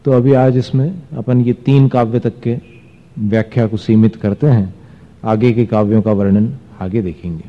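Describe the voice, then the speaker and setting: Here a man with a lowish, steady voice teaches listeners to pronounce and recite scripture. As a religious teacher, he walks through each point, slowly chants the verses and puts questions to the class, all captured in dull audio with lengthy hall reverberation.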